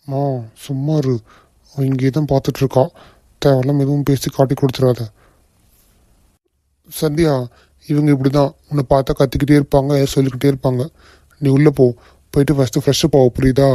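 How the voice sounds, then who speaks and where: A man voicing a calm, protective young husband in a cartoon, firm and reassuring. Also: mid-range voice, brisk, pauses often, no echo, lightly acted. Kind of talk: cartoon voice acting.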